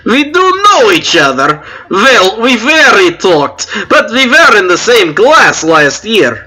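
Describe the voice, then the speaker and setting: A man's voice: high-pitched, sing-song, takes it slowly, pushed and bright, voice pushed up, full character voice. A man voicing a sweet, confident schoolgirl from a visual novel game, in a raised girlish voice.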